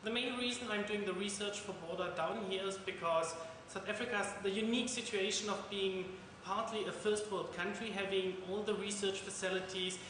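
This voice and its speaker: A man's voice: sits high, fairly even intonation, a little fast, hardly any pauses. A young man from Germany, a PhD student earnestly explaining his research in an interview recorded in a laboratory. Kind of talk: interview statement. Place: laboratory indoors. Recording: echoey lab room with hiss.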